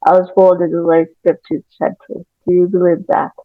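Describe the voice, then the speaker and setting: A woman voicing a brooding young male vampire, weary and bitter, in a quiet, flat delivery, for a storybook reading. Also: lowish voice, a little fast, no room sound, close to an everyday voice. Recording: tinny phone-like home recording.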